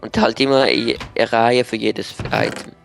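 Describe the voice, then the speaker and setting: A man's voice: medium pitch, moderate pace, vocal fry, music in the background. A young man with a Swiss German accent, matter-of-factly organizing and bossing his friend around while they play a game. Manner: bossy, organizing, matter-of-fact. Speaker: let's play co-host. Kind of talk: casual gameplay chat.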